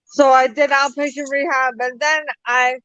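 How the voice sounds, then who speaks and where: A woman's voice: high voice, level tone, a bit bright, no echo. Young woman telling her story over a muffled call. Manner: halting, many restarts and fillers. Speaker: guest. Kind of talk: personal story in an interview. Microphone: video call. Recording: dull lo-fi call audio.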